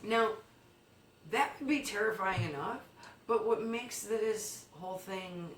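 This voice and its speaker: A woman's voice: mid-range voice, slow, roomy sound, recorded from a distance, noisy background. A woman co-hosting a comedy news segment, telling an absurd story playfully with ums and swearing.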